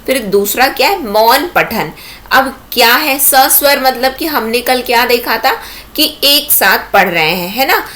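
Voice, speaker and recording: A woman's voice: a little high, sharp tone. A woman teaching an exam-prep lecture, explaining step by step and asking herself rhetorical questions.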